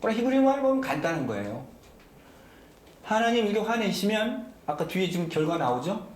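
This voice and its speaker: A man's voice: high voice, big pitch swings, a little fast, reverberant. A man preaching a sermon as pastor, emphatic and often asking the congregation questions. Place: church sanctuary.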